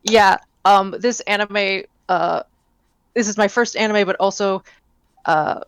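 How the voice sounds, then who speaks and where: A woman's voice: mid-range voice, steady tone, slow pace, smooth, dry recording. Rambling young woman, dry close mic. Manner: rambling, enthusiastic, many fillers. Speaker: podcast co-host. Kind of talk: casual chat.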